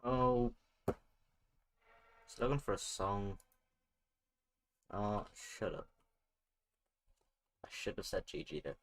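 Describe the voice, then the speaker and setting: A man's voice: fairly low pitch, slow pace, pauses often. A young man casually commenting on his own game, muttering to himself and getting flustered at times. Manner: mutters to himself, jumps between calm and flustered. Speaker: gamer streaming gameplay.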